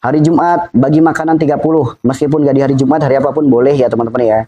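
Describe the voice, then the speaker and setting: A man's voice: medium pitch, steady tone, racing, mellow, highs cut off. A middle-aged man giving religious health advice to viewers, with a preachy, repetitive delivery and frequent laughs between points. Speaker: Islamic health advice speaker. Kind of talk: religious advice talk answering questions.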